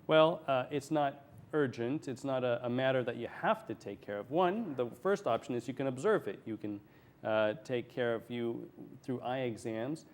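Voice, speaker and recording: On a TV studio set, an eye surgeon being interviewed lays out medical information plainly and one step at a time. He speaks at a moderate pace with a medium-pitched voice.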